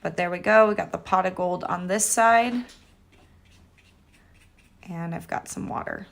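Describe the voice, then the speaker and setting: A woman's voice: fairly low pitch, a little slow, vocal fry. A woman giving a casual, step-by-step painting tutorial as the instructor, chatty and informal, with an encouraging way of talking.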